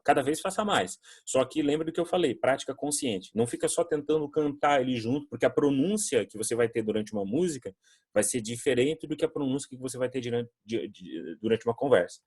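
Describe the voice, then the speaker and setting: A man's voice: mid-range voice, darkish tone, husky. A man from Brazil teaching an English class online, talking conversationally and acting out quoted voices as he answers student questions.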